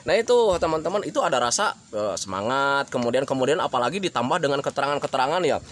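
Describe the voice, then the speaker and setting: A man's voice: medium pitch, big pitch swings, fast, fairly bright tone. A man giving casual spoken advice, often calling listeners friends, with many fillers, and acting out example phrases in changed voices. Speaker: health talk presenter.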